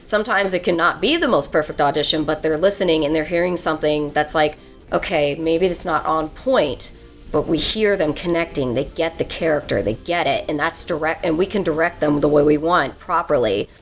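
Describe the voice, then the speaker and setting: A woman's voice: sits low, fairly quick, hardly any pauses, soft background music. A woman voice actor in a convention interview, speaking at length and acting out the lines she quotes. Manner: animated, talks at length with acted-out quotes.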